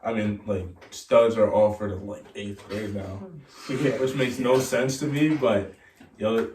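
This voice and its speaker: A man's voice: on the low side, a little slow, a little hiss or hum. A young man, a college football player, telling stories in casual talk as a podcast guest and acting out the voices of the people in them. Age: young adult. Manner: animated, acts out voices in his stories. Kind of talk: casual storytelling. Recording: roomy echo, mic at a distance.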